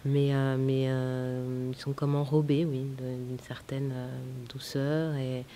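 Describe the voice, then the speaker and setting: Here a French film director, Italian by first language, talks slowly in a flat, dark bass voice during a festival interview. She's a woman who weighs her words, often hesitating and starting over. There's faint hiss on the audio.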